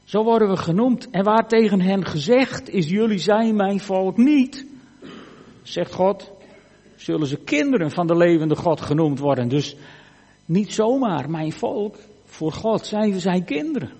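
A man preaching a sermon in a church, earnest, moving between emphatic lines and hushed, quiet ones. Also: high voice, lively intonation, measured pace, husky. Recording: church hall reverb.

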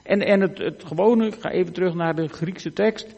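High-voiced preacher in a reverberant church. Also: male voice, normal speed, creaky, muffled recording. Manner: earnest, swings from emphatic to hushed. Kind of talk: sermon.

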